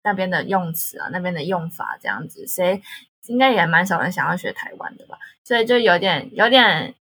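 Bright Taiwanese-accented woman, slightly husky. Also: lowish voice, lively intonation, brisk. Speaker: guest, language tutor. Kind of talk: casual conversational storytelling.

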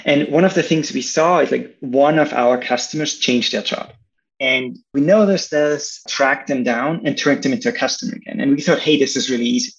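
An Austrian startup founder answers interview questions in a casual, talkative manner, using "like" as a filler again and again. His voice is mid-range and his pace moderate. The audio is dull and lo-fi.

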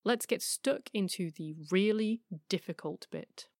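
A middle-aged woman, narrating her own podcast from a script in a measured, emphatic way, with wry asides and rhetorical questions. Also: mid-range voice, a little mellow, no echo, studio quality. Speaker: podcast host.

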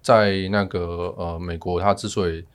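A man with a Taiwanese Mandarin accent explaining things as a guest in a casual podcast interview, softening his sentence endings. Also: sits low, flat delivery, unhurried, clear, resonant tone. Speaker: family physician guest.

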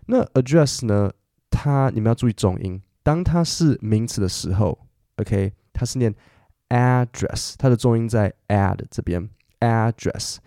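A man's voice: on the low side, normal speed, mellow, no echo, studio quality. A middle-aged man, hosting a podcast English lesson and explaining patiently with fillers and self-corrections. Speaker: English teacher and podcast host.

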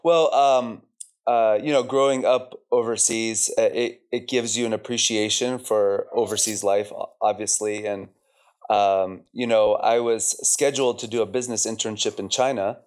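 Man in his thirties, interview guest, smooth resonant voice, lowish pitch, relaxed. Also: normal speed. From Chile. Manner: relaxed, many fillers like um and you know. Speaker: school director, guest. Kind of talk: podcast interview.

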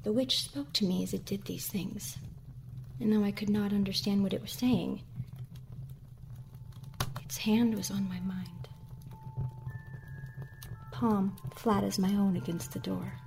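A woman narrating a horror story in a hushed voice that often drops to a whisper. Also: mid-range voice, creaky. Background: music.

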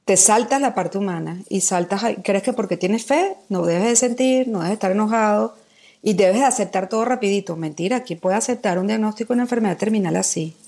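A middle-aged Mexican woman, a guest on a podcast, gives a personal testimony with vivid, candid emotion. Her mid-range voice is mellow and brisk.

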